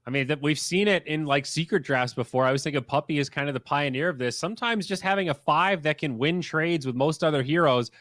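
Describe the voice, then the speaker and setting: A man casting a live esports match, talking quickly with animated, playfully sarcastic energy. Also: fairly high pitch, no room sound, clean studio sound. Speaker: esports caster.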